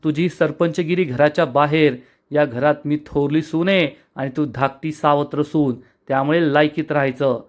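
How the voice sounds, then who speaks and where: A haughty young wife who snaps and sneers at the whole household, as a man reads her lines. Her words come quick and scornful, in a fairly high voice. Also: fairly even intonation, close to an everyday voice. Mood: angry. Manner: snapping and scornful. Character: arrogant young woman, elder daughter-in-law.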